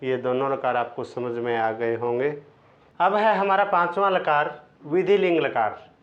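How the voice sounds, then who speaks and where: A man teaching Sanskrit grammar, patiently chanting verb forms in slow drills and explaining each step. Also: mid-range voice, steady tone. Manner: patient, explains step by step and asks questions back. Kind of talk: slow classroom-style grammar lesson. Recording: dull lo-fi sound.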